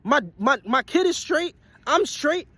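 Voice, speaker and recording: A man's voice: very high voice, lively intonation, measured pace, pushed and bright, no echo. A man in his twenties giving a blunt, profane motivational rant to his viewers, repeating his points over and over after a long work shift. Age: 20s. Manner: blunt, profane and repetitive, hammering points home. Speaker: vlogger and aspiring musician.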